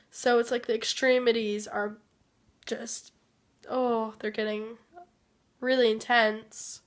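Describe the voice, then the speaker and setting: A woman with a sick, rough voice giving a rambling personal update as a vlogger, hesitant and trailing off between thoughts. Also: a little high, fairly bright tone. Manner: hesitant, trailing off with many fillers.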